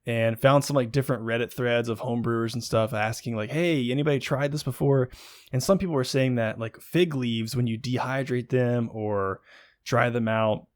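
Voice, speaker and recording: On a casual beer-review podcast he co-hosts, a young Virginian chats and meanders through his notes, dropping plenty of ums and likes. His mid-range voice holds a steady tone at normal speed, recorded in a studio with no echo.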